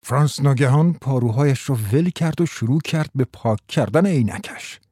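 A man narrating a story in a measured, even way. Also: mid-range voice, husky, no room sound, studio quality. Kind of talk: scripted narration.

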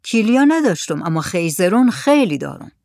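A storyteller voicing an easygoing old hermit who talks in a relaxed, offhand way. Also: male voice, sits high, vocal fry, no echo, studio quality, full character voice.

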